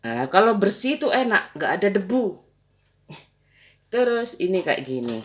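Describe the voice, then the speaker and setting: A woman's voice: medium pitch, very animated, unhurried, breathy edge. A middle-aged woman, chatting casually at home in a rambling vlog and laughing often. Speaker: vlogger.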